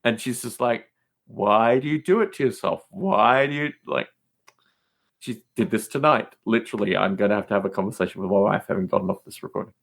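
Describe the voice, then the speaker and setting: A middle-aged podcast host, appearing as a guest, tells stories in casual chat in an emphatic, rambling way, often repeating words for stress. His voice is lowish, gravelly and a bit bright, and he speaks fairly quickly.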